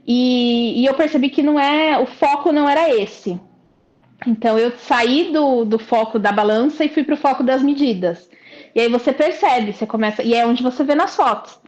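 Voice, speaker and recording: A woman's voice: sits high, moderate pace, darkish tone. Chatty Brazilian woman on muffled audio. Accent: Brazilian Portuguese. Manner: chatty, reflective, frequent hesitations. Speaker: client giving a testimonial. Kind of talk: casual interview.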